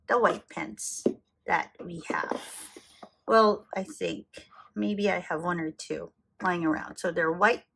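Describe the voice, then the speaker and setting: A middle-aged woman with a Filipino accent, chatting enthusiastically as she shows off her fountain pen collection, often correcting herself. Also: mid-range voice. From Philippines. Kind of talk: casual show-and-tell.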